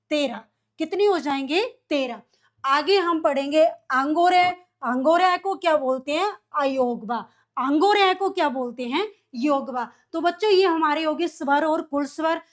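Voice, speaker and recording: A woman teaching young children, asking each question and then answering it herself, repeating key words in a call-and-response classroom lesson. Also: high-pitched. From India.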